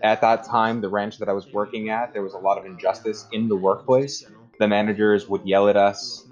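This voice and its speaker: A man giving a translation voice-over as an interpreter, speaking in the first person for the person being interviewed, measured and with occasional fillers, over an online call. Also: on the low side. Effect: translation voice-over, interpreting in first person over the original speaker. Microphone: remote online call. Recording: dull lo-fi online call audio.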